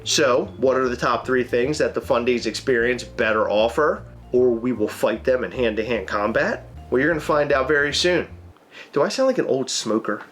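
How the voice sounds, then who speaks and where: A man's voice: medium pitch, normal speed, hardly any pauses, fairly bright tone, soft background music. A man co-hosting a casual chat, joking and whiny, and congested with a cold. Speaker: co-host.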